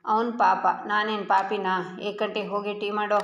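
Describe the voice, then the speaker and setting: A teasing young man, as a woman narrator puts him on, playful and cheeky in his talk. The voice sits at a middle pitch in an echoey room. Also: level tone, moderate pace, fairly bright tone, lo-fi sound, lightly acted. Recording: roomy echo.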